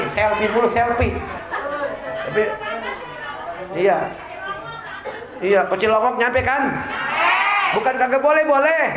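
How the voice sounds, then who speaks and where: A man preaching a humorous sermon, joking with the congregation and acting out quoted voices. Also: high voice. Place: community religious gathering. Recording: echoey room with crowd laughter.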